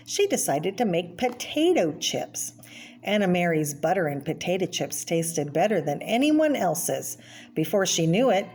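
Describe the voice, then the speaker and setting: A woman with a medium-pitched, slightly mellow voice reads a children's picture book aloud as a storyteller. She explains the pictures, points things out, and asks the listener questions in small asides. Background noise is clearly audible.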